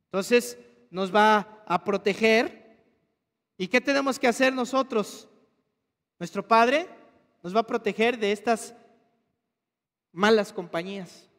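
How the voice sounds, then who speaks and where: A man's voice: high-pitched, slow pace, pauses often, a bit bright. A man preaching a sermon as a pastor, asking the congregation questions as he goes. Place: church hall. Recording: reverberant church hall.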